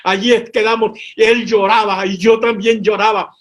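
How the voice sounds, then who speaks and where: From the pulpit, a reverend shares a missionary testimony in a high voice with flat delivery and a moderate pace. He speaks with strong emotion, repeats his words, and calls his listeners brothers and sisters.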